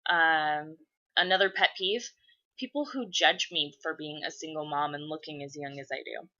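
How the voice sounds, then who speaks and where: A woman's voice: low voice, moderate pace, sharp tone, highs cut off. A woman in her twenties chatting casually, blunt and swearing freely as she gets worked up. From USA. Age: 20s. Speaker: vlogger. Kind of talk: casual chat.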